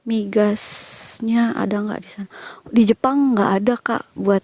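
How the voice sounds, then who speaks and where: A young Indonesian woman chats casually while walking outdoors through a quiet village, answering questions from her viewers. Her voice is medium in pitch and darkish in tone, with a steady delivery that runs a little slow.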